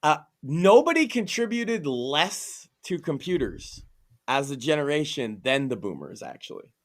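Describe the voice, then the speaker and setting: A young man hosting a casual podcast chat, mocking and animated, often mimicking others in exaggerated voices. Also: fairly high pitch, measured pace. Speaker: podcast host.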